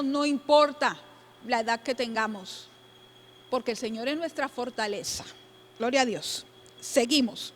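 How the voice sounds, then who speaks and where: Slow, emphatic woman teaching Bible class. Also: high-pitched, a bit bright. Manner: asks the class questions and answers them, repeats key points; emphatic, exclaims "tremendo". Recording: long hall reverb.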